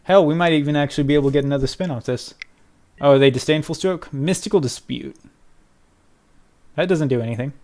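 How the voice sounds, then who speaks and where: A young man giving excitable live commentary on his own card game match, muttering one moment and crying out the next. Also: a little high, brisk, long pauses. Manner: excitable, swings from mutters to loud cries and laughter. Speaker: gaming video creator.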